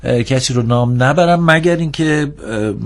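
A man in a TV studio panel discussion, talking at an ordinary pitch for a man. He is earnest and critical. He pauses often and stretches his filler sounds while he gathers his thoughts. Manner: hesitant, with many drawn-out filler sounds. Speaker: guest on a discussion show.

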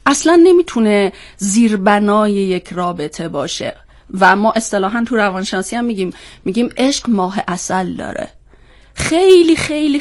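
Woman with a stuffy nose explaining things. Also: medium pitch. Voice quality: congested, stuffy nose from a cold. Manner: throat-clearing, explains step by step with rhetorical questions. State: has a cold. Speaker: psychologist guest on a panel discussion. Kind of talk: explanatory panel talk.

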